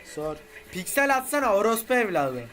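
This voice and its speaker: High, bright-voiced young man streaming. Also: sing-song, normal speed, faint music behind. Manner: swearing, chanting to rally viewers; repeats shouted chants. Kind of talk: live game stream.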